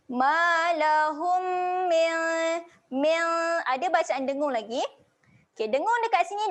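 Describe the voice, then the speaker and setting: High-voiced Malaysian woman teaching recitation. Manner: patient step-by-step explaining, slow drawn-out model recitations. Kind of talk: online tajwid class. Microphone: video call.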